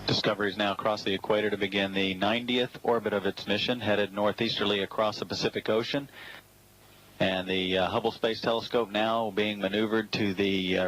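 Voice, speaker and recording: Low, monotone male mission commentator. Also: poor audio. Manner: measured, formal, hesitant with frequent filled pauses. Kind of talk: live spaceflight mission commentary.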